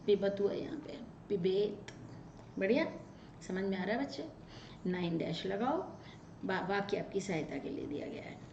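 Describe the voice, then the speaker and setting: A woman teaching a Sanskrit grammar lesson, reciting verb forms in quick drills and coaching her students. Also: mid-range voice, creaky, darkish tone. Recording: roomy, dull lo-fi sound with faint noise.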